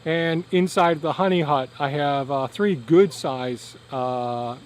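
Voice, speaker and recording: A man giving a casual, explanatory outdoor vlog update in a halting way, with a tractor rumbling behind him. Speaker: gardening and beekeeping video host. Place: outdoors on a rural property by a hive hut. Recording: outdoor noise of tractor and insects. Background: tractor rumbling, insects.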